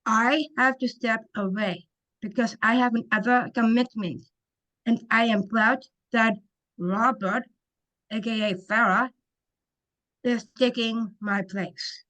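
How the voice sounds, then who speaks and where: A woman from Ontario hosting a webinar on a video call, reading her introduction slowly and carefully, with small restarts. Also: fairly high pitch, fairly even intonation, fairly bright tone, low-quality recording. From Ontario, Canada. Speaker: webinar host, council member.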